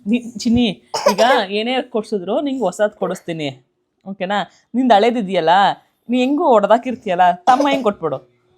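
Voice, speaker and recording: A woman's voice: mid-range voice, animated, moderate pace, a little mellow. A woman vlogging at home as a mother, playfully teasing and coaxing her little daughter. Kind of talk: casual family vlog chat.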